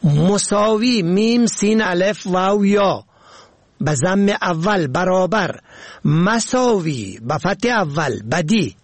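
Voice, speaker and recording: A man reading a pronunciation lesson on radio, slow and deliberate, spelling words out letter by letter. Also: sits high, lively intonation, no echo.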